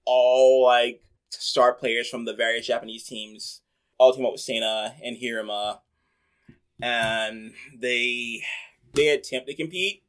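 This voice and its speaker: A man with a voice of ordinary pitch hosts a casual chat. He talks in a loose, rambling way and leans on filler words as he goes. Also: fairly even intonation, slow pace, fairly bright tone, clean tone. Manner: chatty, rambling, many "like" fillers.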